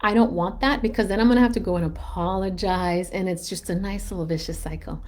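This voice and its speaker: A woman's voice: fairly low pitch, fairly even intonation, fairly quick, darkish tone. A woman in her thirties, a mom telling a personal story on a casual live stream, candid and self-reflective, rambling with restarts and laughing at herself.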